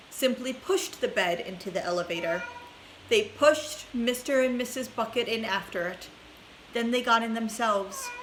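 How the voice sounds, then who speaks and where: Woman teacher reading aloud, high-ish voice. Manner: clear, expressive storytelling. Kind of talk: reading a children's book aloud. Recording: roomy echo, faint hiss.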